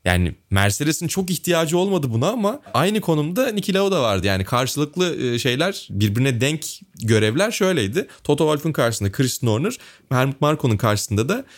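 A man's voice: on the high side, very animated, brisk. Opinionated Turkish-speaking man chatting. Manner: opinionated, thinks aloud with fillers. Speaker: podcast co-host. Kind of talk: casual conversational commentary.

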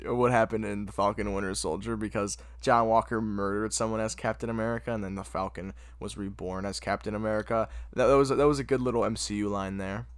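A young man with a fairly low voice gushes through a casual podcast movie review. He talks excitably and packs his speech with filler words. The sound is dry and close, with no room echo. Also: fast talker, few pauses, clean tone. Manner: excitable, gushing, heavy use of filler words. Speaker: podcast host.

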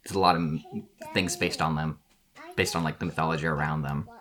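A man narrating as game master of a tabletop game, halting, with many restarts and fillers. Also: rumbling low, fairly even intonation, fairly bright tone.

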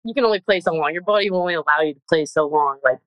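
A young woman, a college softball player, talking earnestly in a casual interview and leaning on "like" a lot. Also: low-pitched, very fast, dry recording, low-quality recording. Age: young adult. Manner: earnest, heavy use of "like", gets emotional.

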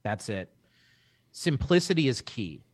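Emphatic man in his forties, lively pitch. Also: unhurried, no echo. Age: 40s. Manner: energetic, emphatic salesman's pitch. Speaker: guest. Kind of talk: casual podcast chat.

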